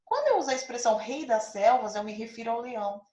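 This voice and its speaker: A woman's voice: fairly high pitch, very animated, fast talker, mellow. Woman teacher in an echoey room. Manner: patient, checks in with frequent tag questions. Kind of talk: explaining a grammar lesson.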